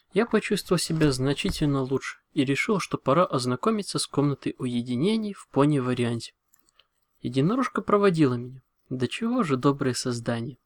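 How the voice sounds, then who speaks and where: A man narrating a first-person story in a calm, wry way. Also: a little high, no echo.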